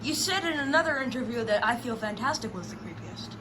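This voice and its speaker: A woman's voice: fairly high pitch, animated, fast. A young female interviewer chatting casually and asking questions about reactions. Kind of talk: casual chat. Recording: noisy home recording.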